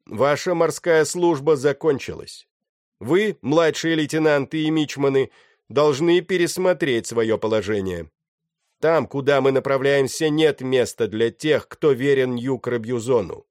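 A man voicing a cold pirate leader in grey who addresses the captured crew loudly and deliberately. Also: mid-range voice, no room sound, studio quality, pitched above the performer's own voice. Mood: commanding. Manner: calls out loudly, measured and commanding.

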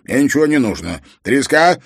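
A man voicing a grumpy, suspicious old school friend on the phone, sarcastic and raised in pitch. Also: very animated, normal speed, a little mellow, no echo, clean studio sound.

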